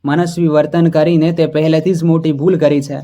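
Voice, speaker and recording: A man voicing an earnest young husband who is insistent and quick to anger. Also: fairly high pitch, flat delivery, warm tone, natural voice.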